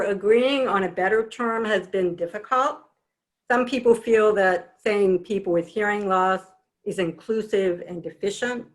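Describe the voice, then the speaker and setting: A woman's voice: medium pitch, poor audio. A woman presenter giving an explanatory presentation in a plain, spoken style.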